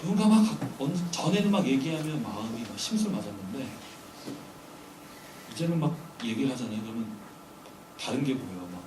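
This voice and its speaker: An earnest man delivers a sermon, pressing his listeners with rhetorical questions. His voice rings around a reverberant church hall and sounds picked up from some distance away. A steady hum of background noise sits under his words. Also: medium pitch, a little fast, long pauses. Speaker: preacher. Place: church sanctuary during a weekday service.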